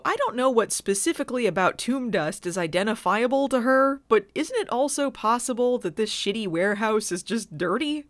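A woman recapping a TV episode with sarcastic, deadpan asides. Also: a little high, dry recording. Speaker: video reviewer. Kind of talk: comedic recap narration.

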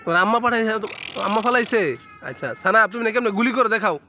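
A woman's voice: a little high, rapid-fire, pushed and bright, slight background noise. A woman playfully coaxing a small child, asking him question after question in casual talk. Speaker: parent filming her toddler.

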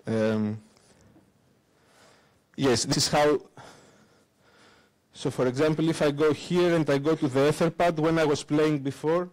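Halting man giving a tech talk. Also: on the high side, a little mellow. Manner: halting, many fillers and restarts, non-native phrasing. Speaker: conference speaker. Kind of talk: technical conference talk with live demo. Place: lecture room at a conference. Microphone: handheld microphone.

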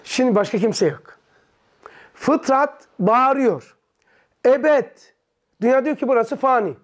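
A man teaching a religious text to a small group, asking quick questions, answering them himself and explaining terms in plain words. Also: extremely high pitch, expressive. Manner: leans back in an armchair while teaching.

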